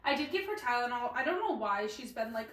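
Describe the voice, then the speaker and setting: A woman's voice: fairly high pitch, sing-song, quick pace, fairly bright tone. A woman in her thirties, co-hosting a casual podcast chat, talking loosely with lots of likes and fillers. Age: 30s. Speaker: podcast co-host. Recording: roomy echo, mic at a distance.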